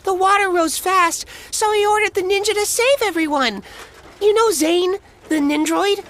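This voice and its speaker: An audiobook narrator voicing an excitable young village boy who tells tall tales breathlessly. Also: very high-pitched, normal speed, pitched above the performer's own voice. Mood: boastful excited. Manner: breathless boastful storytelling. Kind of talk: audiobook character voice.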